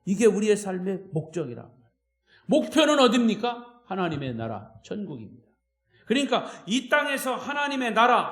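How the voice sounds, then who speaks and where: A man's voice: sits high, reverberant. A man preaching a sermon as pastor, emphatic, with repetition and rhetorical questions. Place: church sanctuary.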